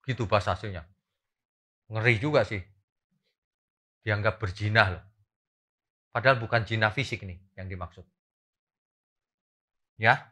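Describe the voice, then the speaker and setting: A man preaching a church sermon, animated and rising loud for emphasis as he asks the congregation questions. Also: medium pitch. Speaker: pastor.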